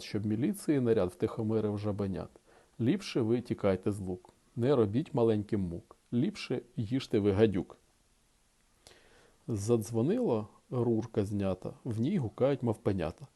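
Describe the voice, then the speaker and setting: A man reading a rhymed children's tale aloud, playfully jumping up into high voices for the animals. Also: animated, moderate pace, dark tone, husky. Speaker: storyteller.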